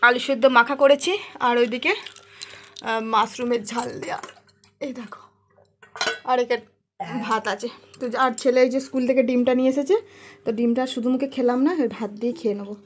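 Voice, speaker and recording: A woman's voice: on the high side, steady tone, brisk, long pauses, a little hiss or hum. A woman vlogging at home in her kitchen, chatting straight to her viewers in a casual way. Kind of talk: casual home vlog narration.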